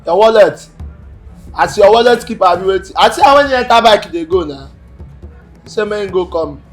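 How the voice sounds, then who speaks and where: A man's voice: sits high, normal speed, faint music behind, close to an everyday voice. A man playing a pushy, irritable creditor in a comedy skit, speaking scolding Nigerian Pidgin with a Nigerian accent. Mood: impatient.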